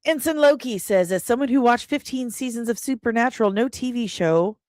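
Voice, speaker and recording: Brisk and a little mellow, with a slightly high voice, this woman hosts an entertainment news livestream and answers chat comments in a playful, irreverent, chatty way. She leans on slang and pet names, and the studio sound is clean with no echo.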